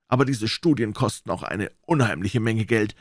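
A man voicing an erratic, abrupt young male scholar in a read-aloud crime story, prone to excitable outbursts. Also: fairly low pitch, normal speed, dry recording, studio quality, close to an everyday voice. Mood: jittery.

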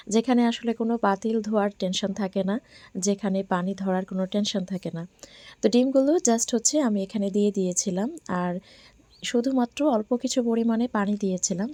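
A hoarse woman from Bangladesh in her thirties narrates her home vlog in a quiet, soft voice. Her tone is warm and mellow. The sound is close and dry, with no room around it. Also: medium pitch, no room sound. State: hoarse from a cold. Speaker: vlogger. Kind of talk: casual voice-over narration.

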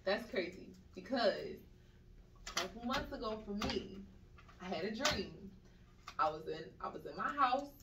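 A woman at a middle pitch tells a long, rambling story in casual podcast chat. She acts out the voices of the people in it. Her voice sits a little back from the mic, and the room gives it a roomy echo. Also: expressive, a little slow, pauses often, background noise. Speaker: podcast co-host. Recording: echoey room, mic at a distance.

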